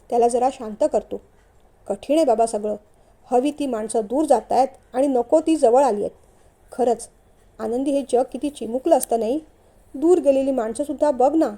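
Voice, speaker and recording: A woman voicing a calm, supportive young man who reassures his sister-in-law in a storybook reading. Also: sits high, moderate pace. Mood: reassuring. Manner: gentle, reassuring.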